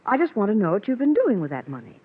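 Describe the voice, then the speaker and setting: A woman's voice: mid-range voice, huge pitch swings, fast, husky. An actress playing a strained, exasperated mother in a 1940s radio drama, with a genteel, firm, scolding manner. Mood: stern. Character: strained, exasperated young mother trying to be patient. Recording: muffled 1940s radio recording.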